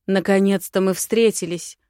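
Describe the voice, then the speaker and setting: A woman's voice: mid-range voice, steady tone, normal speed, clear, resonant tone, no room sound, clean studio sound, lightly acted. A woman doing an angry dragon prince. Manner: growling, forceful outbursts.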